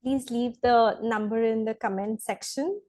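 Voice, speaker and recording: A woman lecturing slowly and deliberately to students in a recorded online lesson, with some fillers. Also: fairly high pitch, fairly even intonation, darkish tone, rough recording. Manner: slow, deliberate teaching with fillers.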